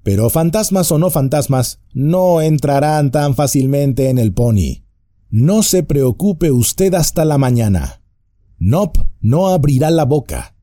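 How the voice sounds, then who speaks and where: A man's voice: on the high side, expressive, slow, dark tone, no room sound, studio quality, pitched above the performer's own voice. A man voicing a nervous, fussy, stout male innkeeper who talks anxiously and at length. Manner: flustered, anxious, talkative.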